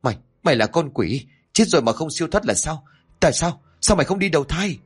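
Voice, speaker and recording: A man's voice: medium pitch, very animated, fast talker, slightly rough, soft background music. A man voicing a scheming old woman, a fake shaman, with a trembling, scolding manner. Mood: terrified.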